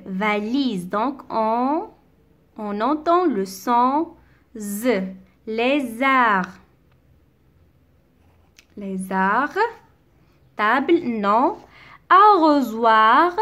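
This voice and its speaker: A woman teacher giving a lesson, reading short sentences aloud and slowly repeating words with careful articulation. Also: sits high, a bit bright. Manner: slow, articulated dictation-like delivery, repeating words. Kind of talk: slow, careful classroom reading and explanation.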